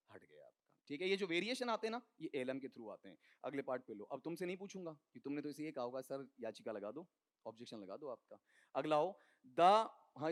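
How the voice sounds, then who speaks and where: A man teaching English grammar for an exam, coaxing students with quick questions in Hindi and English. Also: fairly high pitch. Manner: mixes Hindi with English terms. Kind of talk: exam-prep lesson.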